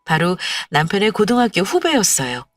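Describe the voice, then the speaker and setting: A woman's voice: mid-range voice, very animated, normal speed, no room sound. A woman narrating a first-person story in a heartfelt, tearful manner, recorded from a distance over faint music. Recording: distant mic, dry sound, faint music.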